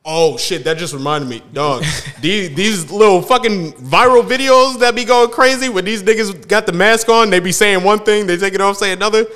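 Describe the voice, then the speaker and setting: Bright, animated man telling stories. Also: sits high, moderate pace, hardly any pauses. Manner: animated storytelling, acts out quoted voices. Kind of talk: casual chat.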